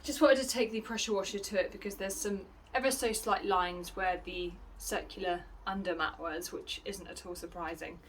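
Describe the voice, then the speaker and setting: A woman's voice: medium pitch, steady tone, moderate pace, hardly any pauses, slight background noise, low-quality recording. A woman chatting practically through a DIY vlog as she works on her garden deck, with self-deprecating asides. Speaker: DIY vlogger. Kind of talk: casual vlog narration while working.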